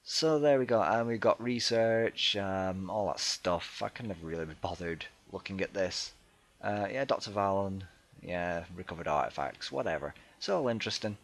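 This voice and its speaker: Man, fairly low voice, casual gameplay commentary, hesitant, lots of ums, chatty, self-deprecating. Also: animated, normal speed. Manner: hesitant, many ums and restarts. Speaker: let's play gamer.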